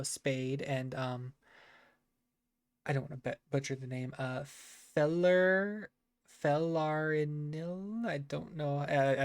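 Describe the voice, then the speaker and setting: A game master running a tabletop game on stream, talking loosely with lots of fillers. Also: medium pitch. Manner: loose, filler-heavy, easygoing. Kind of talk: casual tabletop game narration.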